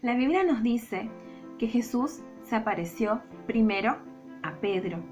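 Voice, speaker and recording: A woman with a Rioplatense Spanish accent, a Sunday school teacher telling a Bible story to children in an expressive, dramatic way. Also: fairly high pitch, a little slow, soft background music.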